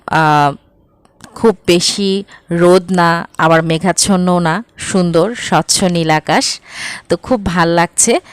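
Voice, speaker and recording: A woman's voice: fairly low pitch, dry recording. A young woman from Bangladesh chatting as a travel vlogger, full of fillers and coaxing her viewers. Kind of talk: casual travel vlog narration.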